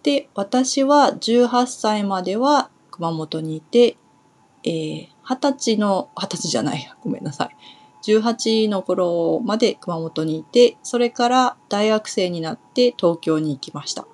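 A young woman from Kumamoto in Japan, talking through a relaxed solo Japanese lesson in a chatty way, pausing on soft fillers as she thinks aloud. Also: mid-range voice. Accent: standard Japanese. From Kumamoto, Kyushu, Japan. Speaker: Japanese teacher.

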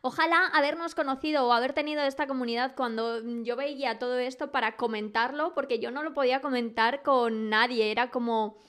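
A young woman with a Spanish accent chatting as a podcast host, animated and gossipy, acting out quotes as she goes. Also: high voice, brisk, few pauses, clear, resonant tone. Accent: Spain Spanish. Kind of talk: casual chat.

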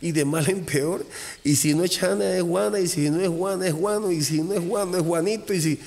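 A man, a voodoo priest, talking as a podcast guest, animated, acting out little dialogues and repeating phrases. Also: high voice, brisk, creaky. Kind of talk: casual podcast talk. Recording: long echoey reverb.

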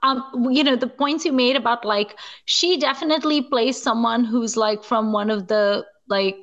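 Brief: woman podcast co-host, high voice, lively chatty storytelling, dull lo-fi audio. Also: moderate pace. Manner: animated storytelling, frequent "like". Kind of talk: casual chat.

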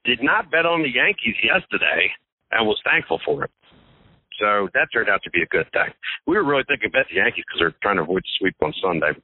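A man's voice: fairly low pitch, very animated, fairly quick, slightly rough, no room sound. A man calling in to a casual podcast chat as a regular co-host, talking in a rambling, joking way and stammering now and then. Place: Las Vegas hotel. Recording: tinny phone line, dry.

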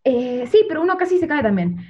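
A young woman telling a funny story among friends, animated and laughing as she goes. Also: sits high, quick pace. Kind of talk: casual chat. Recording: dull lo-fi sound with faint noise.

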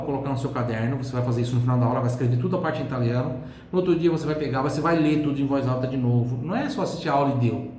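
A man with a Brazilian Portuguese accent teaches an online language lesson. He repeats words slowly and tags his explanations with quick checks. His voice sits at a middle pitch and sounds roomy, with faint ambience underneath. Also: darkish tone, slight background noise. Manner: slow drilled repetitions, frequent "tá?" and "né?" checks. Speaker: Italian teacher. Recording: echoey room, faint ambience.

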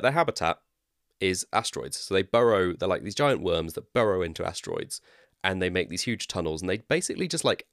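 Deep-voiced West Country man. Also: a bit bright, no room sound, studio quality. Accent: West Country English. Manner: rambling, chatty explainer who laughs at himself. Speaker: podcast co-host. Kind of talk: casual chat.

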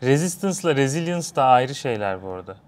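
A man's voice: mid-range voice, big pitch swings, fast talker, smooth. A young man co-hosting a casual live stream, wry and teasing, correcting his partner's word choices. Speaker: co-host.

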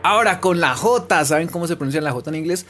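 A woman's voice: on the low side, lively intonation, quick pace, fairly bright tone. Woman teacher, chatty and playful, voice bouncing up and down a lot. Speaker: English teacher. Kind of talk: casual online lesson.

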